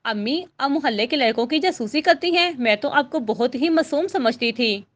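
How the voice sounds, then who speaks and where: A woman's voice: high voice, expressive, moderate pace. A woman voicing a witty, teasing young daughter in a storybook reading. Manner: playful, wry.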